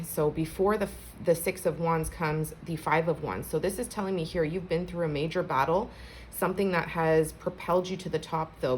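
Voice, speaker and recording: Low-voiced woman giving a chatty tarot reading. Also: a little mellow, slight background noise, poor audio. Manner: chatty, conversational, addresses viewers directly. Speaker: tarot reader. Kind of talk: casual collective tarot reading.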